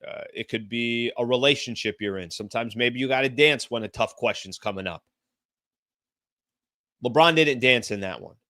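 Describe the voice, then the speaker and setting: A man's voice: medium pitch, normal speed, sharp tone, no room sound, clean studio sound. A man hosting a sports talk show, giving an emphatic monologue with repeated rhetorical phrases and casual fillers. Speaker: sports podcast host.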